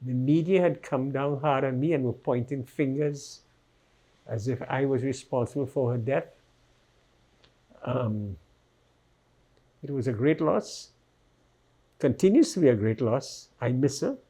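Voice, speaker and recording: A man's voice: medium pitch, unhurried, long pauses, dark tone. A man giving a vivid personal account in an interview, acting out the voices he quotes.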